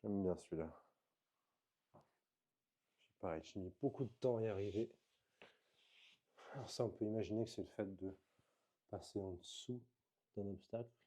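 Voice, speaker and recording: A man talking through slow floor exercises in a calm, explanatory vlog, coaching the viewer as he moves. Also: fairly low pitch. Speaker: movement coach. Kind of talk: instructional vlog.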